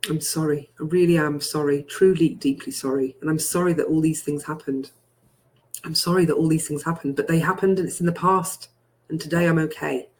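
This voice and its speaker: Deliberate, repetitive first-person affirmations make up this healing meditation, guided by a session leader with a steady, mid-pitched voice. Important statements come back again and again with emphasis.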